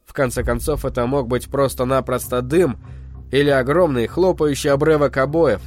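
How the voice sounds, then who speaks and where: A man reading a novel aloud as narrator, with measured, expressive storytelling. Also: medium pitch. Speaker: audiobook narrator. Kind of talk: scripted narration.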